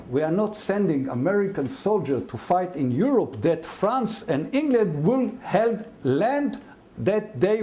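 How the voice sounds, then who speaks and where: A man in his seventies or older, born in Mandate Palestine, giving a university lecture in an explanatory, halting way with many fillers and restarts. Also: high-pitched, darkish tone. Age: 70s or older.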